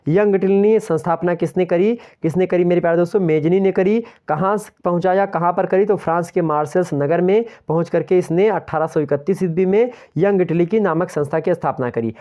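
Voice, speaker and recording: A young man delivers an online exam-prep lecture in a high, dark-toned voice, talking briskly with hardly any pauses. He poses questions aloud and answers them himself, repeatedly urging viewers to like and share. The recording has a dull, lo-fi quality.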